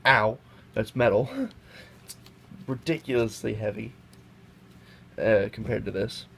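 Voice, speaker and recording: Speaking a little slowly, the man has a lowish voice with vocal fry. He's young, sick, and sniffling, a toy reviewer rambling chattily and correcting himself while comparing products hands-on at an indoor table. The noisy home audio comes from a camera mic off-screen above the table.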